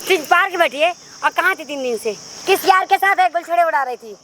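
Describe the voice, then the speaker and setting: Actress as a sneering older mother-in-law, high-pitched and mocking, crickets and outdoor noise behind. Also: lively intonation, brisk, a bit bright. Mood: taunting. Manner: taunting, bullying, scornful. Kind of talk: staged confrontation drama.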